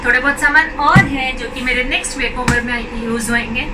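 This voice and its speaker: A woman's voice: sits high, steady tone, a little fast, over loud music. A woman in her thirties giving a chatty, cheerful tour of her small apartment balcony garden, slipping English words into her speech. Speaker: home decor vlogger. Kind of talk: casual video tour narration. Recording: slightly distant camera mic, faint outdoor ambience.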